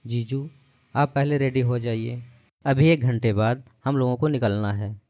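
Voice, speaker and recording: A man's voice: mid-range voice, a little slow, warm tone, dry recording, close to an everyday voice. A cheerful young sister-in-law who coaxes and jokes with an easy lightness, voiced by a man narrating a story. The sound is close and dry, with no room around it. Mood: coaxing.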